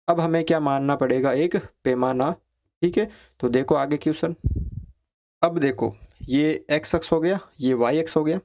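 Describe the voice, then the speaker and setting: A man teaching a maths lesson, explaining each step slowly, counting values aloud and checking in with his students. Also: on the high side, a little mellow. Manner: asks students questions, repeats phrases like ठीक है.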